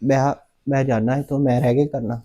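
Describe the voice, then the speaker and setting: A man's voice: medium pitch, steady tone, a little fast, dark tone, close to an everyday voice. A man playing an ashamed young son. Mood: hurt pleading. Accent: Punjabi. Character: young adopted son, ashamed and set on leaving.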